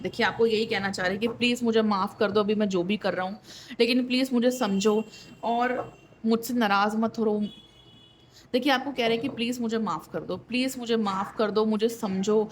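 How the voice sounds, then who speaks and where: A woman's voice: on the high side, slight background noise. Woman giving a direct tarot reading. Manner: direct and conversational, often checks in with "ठीक है"; repeats points for emphasis, with wry disbelief. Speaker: tarot reader. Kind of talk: tarot reading addressed straight to the viewer.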